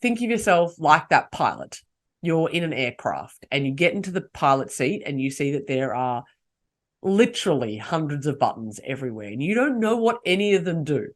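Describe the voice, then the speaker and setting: A woman's voice: low-pitched, sing-song, normal speed. A woman hosting a solo podcast, coaching her listeners and asking them rhetorical questions. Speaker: podcast host.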